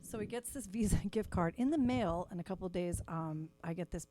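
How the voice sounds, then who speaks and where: A middle-aged woman comedian telling stories in casual chat, laughing often and acting out lively quoted voices. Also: lowish voice, fairly quick, dry recording. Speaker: comedian guest. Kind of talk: casual storytelling. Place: podcast studio.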